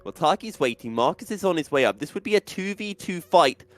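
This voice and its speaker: A man casting esports play-by-play live, with animated, dramatic calls. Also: on the high side, fairly quick.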